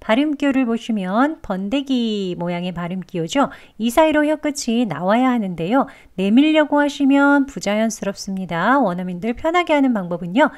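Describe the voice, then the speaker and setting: A woman teaching English pronunciation, explaining patiently and modelling sounds slowly. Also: a little high, animated. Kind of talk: pronunciation lesson.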